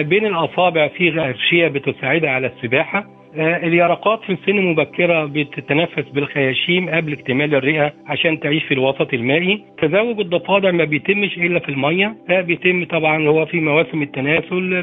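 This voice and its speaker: An Egyptian man explaining informally as an expert, halting often over filler phrases. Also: fairly high pitch. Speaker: expert interviewee. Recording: narrow, phone-like sound. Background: faint music.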